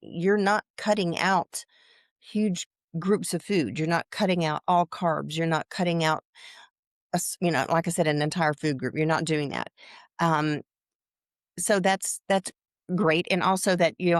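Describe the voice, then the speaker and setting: A woman in her sixties, interviewed as a client, talking in a halting way with many fillers and restarts. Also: low voice, no echo, studio quality. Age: 60s. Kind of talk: casual interview.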